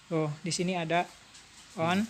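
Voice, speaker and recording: A woman's voice: lowish voice, level tone, a little slow, background noise. A woman, demonstrating a motorcycle alarm step by step in a chatty way. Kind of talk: casual product demonstration.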